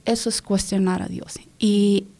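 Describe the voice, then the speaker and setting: A woman from Los Angeles giving her personal testimony in an interview, speaking haltingly, repeating words and slipping in English phrases. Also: mid-range voice, steady tone, vocal fry, warm tone. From Los Angeles, California.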